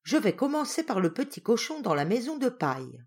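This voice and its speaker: A woman voicing a greedy, menacing male wolf in a storybook reading, speaking slowly and loudly. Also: a little high, big pitch swings, breathy edge, voice pushed up.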